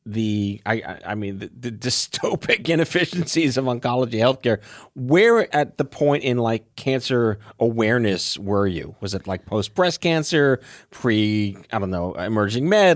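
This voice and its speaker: A man's voice: mid-range voice, expressive, normal speed. A man with a mid-range voice hosts the conversation in a wry, irreverent way, mixing jokes with blunt questions. His voice is dry and close to the mic, with no room echo. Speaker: podcast host. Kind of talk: casual interview conversation.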